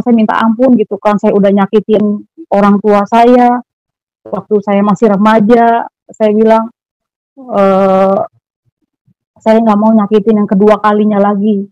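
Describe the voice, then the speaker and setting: A woman's voice: medium pitch, level tone, normal speed, pauses often, darkish tone, dry recording. A woman with a Jakarta Betawi accent tells her personal story to an interviewer. She speaks hesitantly, with many fillers. The audio is dull and muffled, with a dry, close sound. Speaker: testimony guest.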